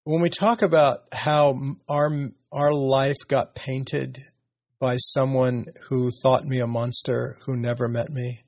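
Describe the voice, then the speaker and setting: Brief: middle-aged male guest, rough husky tone, reflective and halting. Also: medium pitch. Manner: earnest and reflective, often hesitant. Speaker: interview guest. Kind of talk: personal story in conversation.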